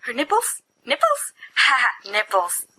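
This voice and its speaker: In a poor-quality home recording with faint background noise, an amateur podfic reader performs a dramatized fiction passage. Her high, husky, bright voice is pushed and swoops wildly in pitch, a little slow, as she expressively voices the banter of giddy young men.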